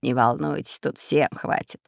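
A narrator as a patient gravelly professor. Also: medium pitch, fairly even intonation, moderate pace, no echo, studio quality. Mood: explaining. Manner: explaining, lecturing. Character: learned male geographer professor, patient and sly.

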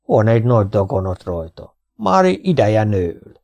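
A man voicing a glum, stubborn old villager who mumbles slowly in a low, raspy voice. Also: very animated, a little mellow. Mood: mournful.

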